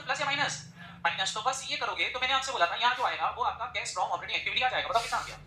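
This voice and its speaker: A male teacher giving a classroom lecture, firing quick questions at his students and pushing them to answer. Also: extremely high pitch, bright, forceful tone, slight background noise. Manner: drills the class with rapid-fire questions. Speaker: accounting teacher. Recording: echoey room.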